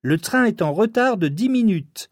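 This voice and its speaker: A woman playing a formal train station announcer, reading a measured scripted announcement over the intercom. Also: medium pitch, animated, a little mellow, no room sound, clean studio sound, natural voice. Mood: formal, neutral.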